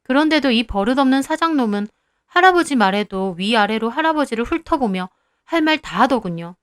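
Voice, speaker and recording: A young woman narrating a first-person story in a lively, dramatic way. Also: fairly high pitch, a little fast, clean tone.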